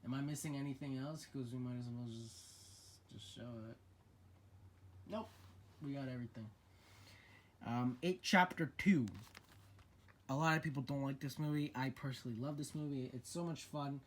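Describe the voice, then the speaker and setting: A man's voice: mid-range voice, fairly even intonation, normal speed, long pauses. A young man in a casual vlog, talking through his horror movie collection in an opinionated, chatty way with frequent restarts.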